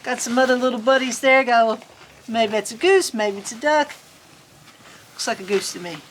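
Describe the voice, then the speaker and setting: Outdoors on a farm in cold weather, a woman reads aloud to children, her voice on the high side and a little fast. She's folksy and playful, slipping between storybook narration and casual chat, with faint ambient noise behind her.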